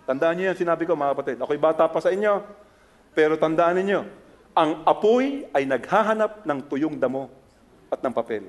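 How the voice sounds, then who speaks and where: A Filipino man with a Filipino accent delivers a sermon as pastor. His voice sits high for a man. He is animated, dropping low for serious points and leaping up loud when he acts out what others say. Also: fairly quick. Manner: animated, acts out quotes with sharp jumps in pitch and loudness.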